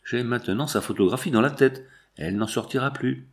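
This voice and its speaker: A man reading the lines of a sly scheming watcher in an audiobook, muttering low. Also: brisk, natural voice.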